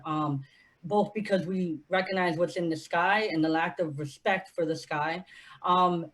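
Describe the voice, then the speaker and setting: Earnest woman from Honduras, panel organizer. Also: medium pitch. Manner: earnest, impassioned advocacy. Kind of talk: panel discussion.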